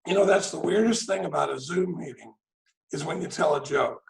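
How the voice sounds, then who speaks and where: This gravelly Dallas man in his sixties speaks briskly at a fairly high pitch, sharing his recovery story on a video call from home. He jokes and wanders off track, leaning on "I mean" and "you know," while reverberation, slight background noise and poor audio mark the recording.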